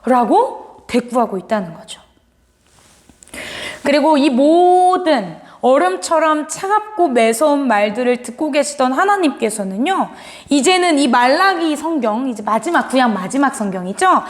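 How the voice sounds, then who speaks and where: A woman giving a children's sermon, telling the story in an animated way and speaking directly to the kids. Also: high-pitched, a little slow. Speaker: children's pastor. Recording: long hall reverb.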